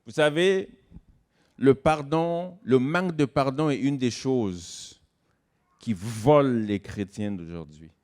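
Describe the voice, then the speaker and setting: Male guest preacher, dynamic sermon delivery that drops to near-whispers and climbs to stressed, drawn-out points. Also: expressive. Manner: dynamic preaching, swings from loud emphasis to soft low asides. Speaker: guest pastor. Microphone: online church service recording.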